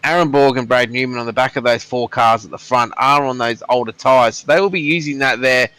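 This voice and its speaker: A man's voice: medium pitch, brisk, fairly bright tone, clear, resonant tone, dry recording, poor audio. A man giving live motorsport commentary on a sim race.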